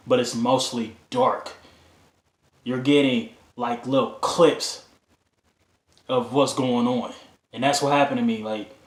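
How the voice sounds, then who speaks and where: Speaking to his own camera, this vlogger shares a personal story with emotion and candor, repeating himself and slipping into casual slang. His medium-pitched voice is a bit bright, and the room gives it an echo.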